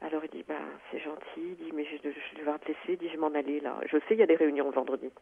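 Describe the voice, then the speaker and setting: This caller is a woman whose low, steady voice races along as she tells a personal story. She's hesitant, full of fillers and restarts, and the tinny phone line carries a little hiss or hum.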